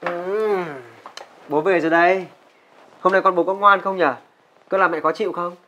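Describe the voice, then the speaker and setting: Một diễn viên nam đóng anh chủ tịch cộc cằn. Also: male voice, high voice, fairly even intonation, normal speed, bright, forceful tone, slight background noise. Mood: doting. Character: hungover young male company chairman. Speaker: older brother. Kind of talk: web drama acting.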